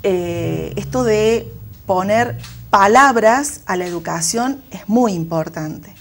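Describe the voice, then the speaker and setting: A woman's voice: medium pitch, animated, slow. A woman with an Argentine accent, a school director, giving thoughtful interview answers full of fillers and restarts. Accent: Argentine Spanish.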